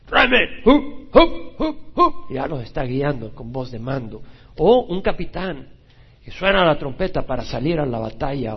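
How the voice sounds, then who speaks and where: A man preaching a Bible-teaching sermon as a pastor, often rising to loud, emphatic exclamations. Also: mid-range voice, breathy edge, dull audio.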